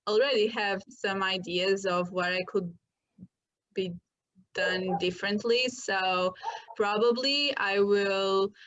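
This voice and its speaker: A young woman, chatting casually as an interview guest. She sounds upbeat and speaks in loose phrasing with fillers, her voice pitched in the middle range. The recording is dull and lo-fi. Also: fairly even intonation, slow pace, a bit bright. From Portugal. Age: 20s. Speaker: guest, marketing agency founder.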